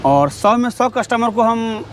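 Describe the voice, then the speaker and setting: A middle-aged used-vehicle dealer pitching trucks outdoors, reeling off model year, owner and price in set phrases. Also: male voice, expressive, measured pace, slight background noise. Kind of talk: sales pitch in conversation. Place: outdoor used-truck lot beside a highway.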